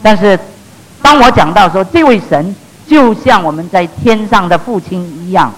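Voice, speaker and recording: Middle-aged guy preaching, high voice, tells stories, goes loud then drops real quiet. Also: expressive, normal speed, poor audio. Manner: storytelling, swings between loud emphasis and hushed asides. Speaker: pastor. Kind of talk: sermon.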